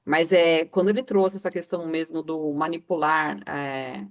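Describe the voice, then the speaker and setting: A woman's voice: low-pitched, fairly even intonation, moderate pace, muffled recording. A woman in a casual book club discussion, rambling through anecdotes with frequent filler tags. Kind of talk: casual chat.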